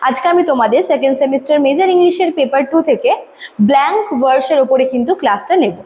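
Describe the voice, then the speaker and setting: A young Bengali woman gives a recorded lecture with a high voice. She explains step by step, checks often that students follow, and reads English definitions slowly. The room has a long reverb and a faint hiss behind it. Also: animated, darkish tone. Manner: explanatory, asks "ঠিক আছে?" to check understanding. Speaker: teacher.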